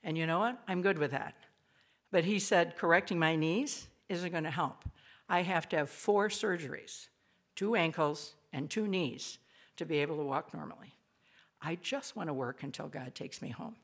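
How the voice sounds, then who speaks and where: An older woman with a gravelly, rather low voice addresses a crowd with a devotional message, seemingly in a modest old hall. She talks in a bright, gossipy way, often slipping in rapid asides that tease herself.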